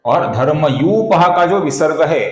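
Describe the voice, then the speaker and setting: Slow, careful male Sanskrit recitation teacher. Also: a little high, animated, roomy sound. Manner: slow, careful syllable-by-syllable explanation, chants verses; addresses viewers as friends. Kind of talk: recitation lesson.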